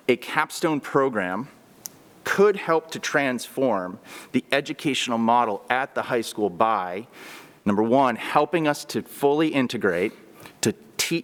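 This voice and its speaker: A male teacher presents to a school board in an earnest, explanatory way, often pausing and restarting his sentences. His voice sits at an ordinary middle pitch. The sound carries the long reverb of a meeting hall. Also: fairly bright tone. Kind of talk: formal presentation at a public meeting.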